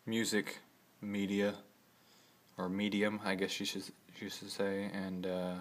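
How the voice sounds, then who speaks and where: A man shows off his vintage audio gear in a casual living-room show-and-tell. He speaks unhurriedly in a fairly low, level voice, his talk rambling, hesitant and informal.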